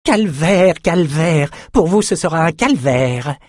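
This is a man's take on a wild-eyed albino shaman in a spoken storybook, crooning his prophecies in a lilting, sing-song voice. He lingers on every word and swings widely between high and low. The recording is close and dry. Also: animated, takes it slowly, a little mellow, no echo. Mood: singsong taunting. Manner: singsong, chanting. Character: excitable albino male shaman, singsong, unhinged. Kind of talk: audiobook character voice.

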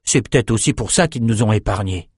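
A man's voice: fairly low pitch, expressive, a little fast, husky, no room sound, studio quality. A man voicing a gloomy, grumbling young male nobleman in an audiobook.

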